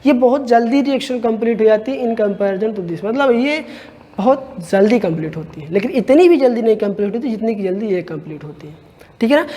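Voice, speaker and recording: A man teaching a chemistry lecture to students. He asks rhetorical questions, answers them himself, and drags out key terms slowly. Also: very high-pitched, a little mellow. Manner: calls listeners 'bhaiya'. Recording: long hall reverb.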